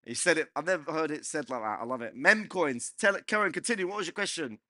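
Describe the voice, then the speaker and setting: A man's voice: fairly high pitch, big pitch swings, very fast, sharp tone, no room sound. A man hosting a casual panel Q&A, bantering, laughing often and prodding the guests for questions. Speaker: host. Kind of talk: lively panel Q&A chat.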